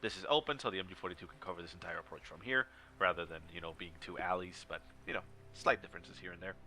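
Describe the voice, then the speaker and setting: Sick and stuffy-nosed, this man has a low, nasal, congested voice that's bright and forceful, moving at a quick pace with a little hiss or hum. He commentates a strategy game match casually and explanatorily over battle sounds and game music.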